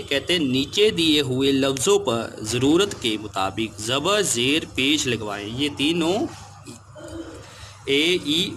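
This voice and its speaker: A man's voice: mid-range voice, background noise. A male teacher giving a spelling lesson to children, patiently spelling words out letter by letter.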